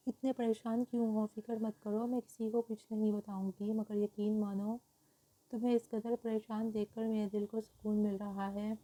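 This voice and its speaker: A woman's voice: a little high, warm tone, natural voice. A woman voicing a vengeful, manipulative young maid who taunts and pleads in an audio novel. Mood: taunting. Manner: taunting, then tearfully pleading.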